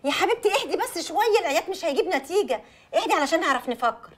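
An actress playing a caring young woman who calms her friends, speaking Egyptian Arabic in a film drama. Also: extremely high pitch, very fast. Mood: soothing. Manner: soothing, juggling two phone calls.

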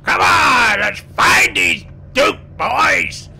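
A bossy, impatient county villain, whining out orders in a comic game roleplay. The voice is extremely high and harsh with a gravelly edge, drawling slowly at times. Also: male voice, expressive, sharp tone, shouting, exaggerated voice. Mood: frantic, bossy. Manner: barking orders, whiny.

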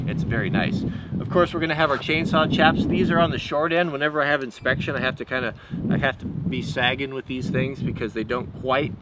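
A man's voice: mid-range voice, heavy background noise. A middle-aged man, a wildland firefighter, casually talking through his gear outdoors in a rambling, plainspoken way with many restarts. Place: outdoors against a red barn wall.

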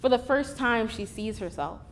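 A young woman from Columbus, an essayist, reading her own essay aloud on stage at a stand mic in a deliberate, vivid way. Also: fairly high pitch, expressive, slight background noise. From Columbus, Ohio. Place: theater stage.

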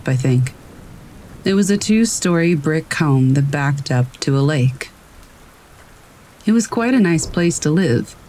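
A narrator reading scary stories aloud in a calm, measured storytelling voice. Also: medium pitch, slight background noise, poor audio. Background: faint rain.

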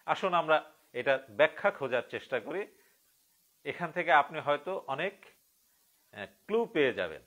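This meditation teacher from Bangladesh has a medium-pitched, slightly bright voice. In his live-streamed spiritual lecture he talks slowly and carefully, lengthening key words and putting questions to listeners.

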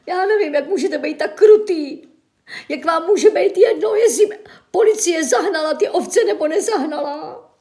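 Woman streamer, high pitched, sarcastic and theatrically sorrowful, chatting casually with her viewers. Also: a little mellow. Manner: mock-tearful, sarcastic, melodramatic sighing. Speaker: livestreamer reading local news and chat. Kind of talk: casual livestream chat.

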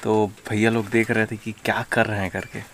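A young man from Chhattisgarh, talking into a phone camera held at arm's length as he walks through a village and asks people quick, curious questions. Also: lowish voice, level tone, fairly bright tone, a little hiss or hum. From Chhattisgarh, India. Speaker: travel vlogger. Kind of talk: casual walking vlog with interviews. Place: outdoors in a rural village.

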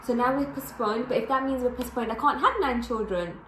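A twenty-one-year-old woman, an animated and excitable guest chatting in a home kitchen, sitting slightly off the camera. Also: a little high, brisk, roomy sound, slight background noise, low-quality recording. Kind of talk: casual chat.

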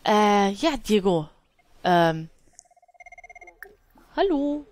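A woman's voice: mid-range voice, sing-song, extremely slow, a little mellow, no echo. A woman giving casual let's play commentary, chatting to her game characters and laughing often.

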